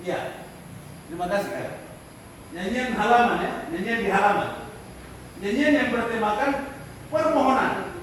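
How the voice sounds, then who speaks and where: An animated man with a high voice teaches a church class on leading worship. He often checks in with his listeners and laughs. He sounds distant, in an echoey room with clear background noise. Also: moderate pace, long pauses. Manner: animated, rhetorical questions to the class, frequent laughter. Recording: echoey room, mic far off, noisy.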